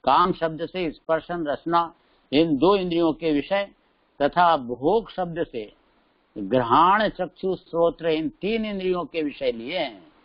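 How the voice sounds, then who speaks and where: A man's voice: a little high, unhurried, dry recording. Man telling a sermon story, lo-fi. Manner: lively storyteller, acts out voices in quotes. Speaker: Jain scripture teacher. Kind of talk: religious discourse with storytelling. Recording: dull lo-fi dry recording.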